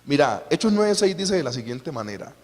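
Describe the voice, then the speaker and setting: Lively high-voiced Colombian preacher, echoing hall. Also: male voice, fairly quick. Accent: Colombian Spanish. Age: 30s. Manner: animated, conversational, asks the listeners questions. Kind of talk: sermon. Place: church. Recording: long reverb of a church hall.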